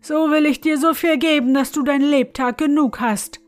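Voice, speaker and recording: A towering male spirit, put on by a woman reading a fairy tale, speaks with booming, haughty force. His voice sits high and loud. The storybook telling has faint music behind it. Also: slow pace. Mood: coaxing. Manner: booming and haughty, later pleading. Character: huge proud male spirit trapped in bottle.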